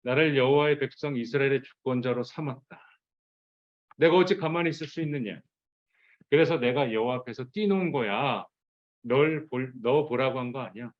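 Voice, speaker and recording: A man's voice: mid-range voice, normal speed, dull audio, lightly acted. A man voicing a king who firmly defends himself to his wife, in a sermon.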